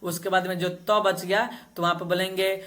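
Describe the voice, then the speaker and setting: A man teaching Vedic chanting, reciting verses slowly syllable by syllable and breaking off into quick spoken explanations. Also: sits high, flat delivery, a bit bright.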